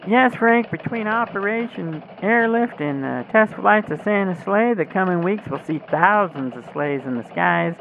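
An actor playing an earnest, excitable Christmas elf reporting from the air in a scripted holiday radio news skit, through a radio filter. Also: mid-range voice, normal speed, creaky, hardly any pauses. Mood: earnest, eager. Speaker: eye in the sky reporter. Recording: phone-like radio link, engine noise behind.

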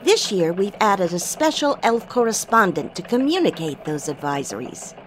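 A woman's voice: medium pitch, sing-song, moderate pace, slight background noise, natural voice. A woman playing a female elf radio news anchor, reading in an enthusiastic newsreader manner. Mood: upbeat. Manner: bright, enthusiastic newsreader delivery. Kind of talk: scripted radio news parody.

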